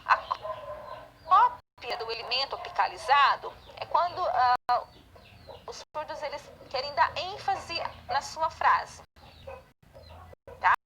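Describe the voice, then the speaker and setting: Over a noisy background, a Brazilian woman's high, animated voice delivers an online class lecture slowly, with long pauses. Speaking Brazilian Portuguese, she explains each step and keeps checking in with "tá?" and "né?".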